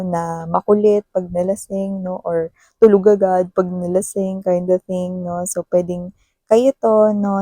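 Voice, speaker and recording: Woman tarot reader, mellow and warm, dry close sound, chatty. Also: no room sound. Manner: chatty, tags sentences with "no?"; acts out a partner's scolding in a higher voice. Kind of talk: casual tarot reading to viewers.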